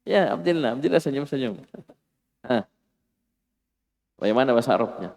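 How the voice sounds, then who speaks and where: A man teaching an Arabic grammar lesson in a classroom, lively and animated, acting out exclamations for his students. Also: mid-range voice, moderate pace, gravelly, long reverb tail. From Indonesia.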